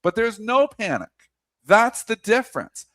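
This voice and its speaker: A man talking markets with loud, emphatic passion. His pitch sits a bit high and swings widely as he repeats each point for emphasis. The sound is close and dry. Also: big pitch swings, unhurried, no echo. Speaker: co-host of a market show. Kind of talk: casual market talk.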